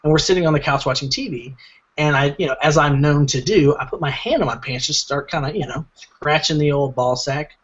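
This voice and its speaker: Husky, rambling podcast storyteller guy. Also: a little high, brisk, muffled recording. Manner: rambling, filler-heavy, animated retelling. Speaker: podcast co-host. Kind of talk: casual comedic storytelling.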